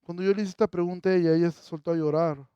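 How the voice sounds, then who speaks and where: A male pastor preaching an impassioned sermon, moving from loud proclamation to soft, intimate appeals. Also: high-pitched, steady tone, racing, smooth, dry recording, lo-fi sound. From Mexico.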